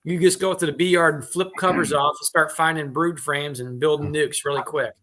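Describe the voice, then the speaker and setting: A man hosting a relaxed evening chat show. He rambles and restarts his sentences, reads viewer comments aloud, and teases his guests with an easy humor. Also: on the high side, fairly quick, noisy background. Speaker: host. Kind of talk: casual chat.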